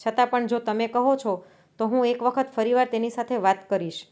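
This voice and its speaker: An earnest young husband pleads with his wife, hurt but trying to stay reasonable, as a woman narrator reads his part. The voice is on the high side. It is a storybook reading. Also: steady tone, moderate pace, warm tone, natural voice. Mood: pleading.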